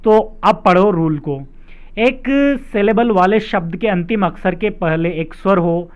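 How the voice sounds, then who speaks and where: High, smooth-voiced man teaching a lesson. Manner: explains rules slowly, repeats them with examples. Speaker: English teacher. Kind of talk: spelling lesson explained step by step. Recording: dull lo-fi sound.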